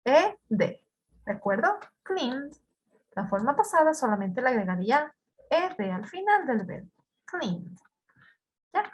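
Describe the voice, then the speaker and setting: A woman's voice: on the high side, slight background noise. A woman with an Ecuadorian Spanish accent teaching English grammar to a class, patiently repeating words and asking her students questions. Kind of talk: online class explaining grammar.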